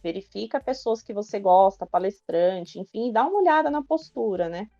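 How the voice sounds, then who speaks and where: A woman's voice: mid-range voice, animated, moderate pace, warm tone, no room sound, muffled recording, soft background music. A woman from Brazil on a podcast, giving practical advice in a chatty, explanatory way. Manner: explanatory, many filler tags. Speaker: guest speaker on public speaking.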